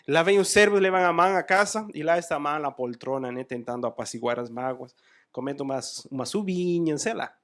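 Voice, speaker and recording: A man preaching a sermon in a church, retelling a Bible story with animated asides. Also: fairly high pitch, fairly quick.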